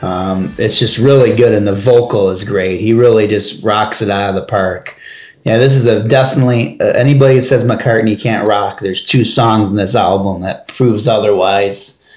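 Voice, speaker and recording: A man's voice: lowish voice, fairly even intonation, normal speed, darkish tone, roomy sound, faint music behind. A man co-hosting a casual album review chat, enthusiastic and steering the track-by-track talk. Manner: enthusiastic, leads the track order and asks his partner's view. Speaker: podcast co-host reviewing an album.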